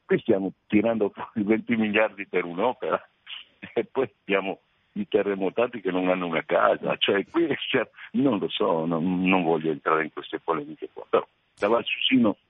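A man's voice: low-pitched, lively intonation, normal speed, gravelly, slightly rough, no room sound. A man in his eighties calling in to a radio show by phone, rambling and chuckling as he talks. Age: 80s. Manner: rambling, chuckling, restarts mid-thought. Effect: over the phone. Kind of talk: casual call-in chat. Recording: narrow dry phone line.

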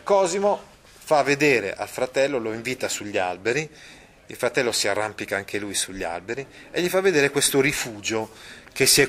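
A man giving a literature lesson, reading passages aloud and explaining them patiently, with many drawn-out fillers. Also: medium pitch, a bit bright. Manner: explains patiently, checks in with listeners. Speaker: literature teacher.

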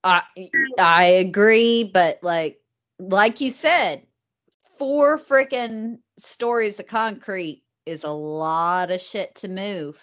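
A woman co-hosting a casual chat, reacting in a relaxed way and swearing casually. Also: medium pitch, slow pace. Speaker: co-host.

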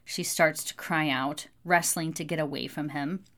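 A woman reading an audiobook in steady scripted narration. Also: low-pitched, normal speed.

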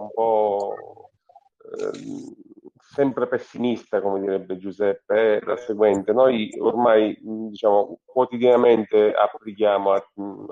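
A man's voice: fairly low pitch, darkish tone. A man calling in over a Bluetooth earpiece with lo-fi audio, asking a question in a hesitant way with many fillers. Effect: lo-fi audio over a Bluetooth earpiece call. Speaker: caller joining the live discussion. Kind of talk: asking a question on a live stream. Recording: dull lo-fi call audio.

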